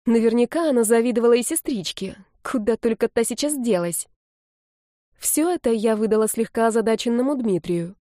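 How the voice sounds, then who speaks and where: A woman narrating an audiobook in the first person with an expressive storytelling manner. Her voice is warm and mellow, and the recording is close and dry with no room around it. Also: fairly high pitch, fairly quick, no echo.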